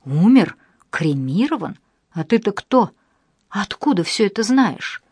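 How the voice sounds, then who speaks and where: A woman's voice: medium pitch, sing-song, unhurried, a little mellow, breathy edge, no room sound. Woman voicing a cold hissing male blackmailer. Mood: menacing. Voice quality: cold, unpleasant, soulless. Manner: hissing, threatening, rude.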